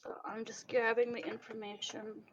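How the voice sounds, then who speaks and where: High-voiced woman GM over voice chat. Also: flat delivery, normal speed, dull audio. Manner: explains rules with frequent restarts and fillers. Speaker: game master. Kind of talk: running a tabletop game over voice chat.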